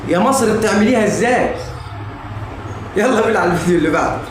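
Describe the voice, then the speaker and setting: A man's voice: high voice, lively intonation, very fast. An Egyptian man hosting comedy reaction videos, talking casually and exclaiming as he comments. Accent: Egyptian Arabic. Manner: exclaiming, addressing viewers and clips informally. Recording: very echoey room, noisy background.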